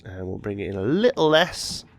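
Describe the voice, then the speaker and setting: A fairly low-pitched man, very animated and at a normal pace, hosts a let's play while nursing a slight cold. He thinks aloud as he builds and regularly corrects himself mid-sentence. The recording is dry.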